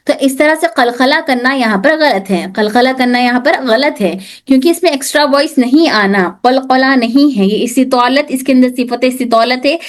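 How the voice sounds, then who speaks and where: A woman teaching a tajweed class online, patiently drilling letter sounds and repeating them slowly for her students. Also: high-pitched.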